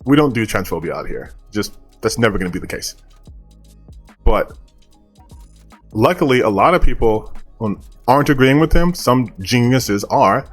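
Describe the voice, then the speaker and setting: A man's voice: medium pitch, expressive, moderate pace, pauses often, soft background music. A male online commentator talking casually and bluntly, dismissive and opinionated, with some casual swearing.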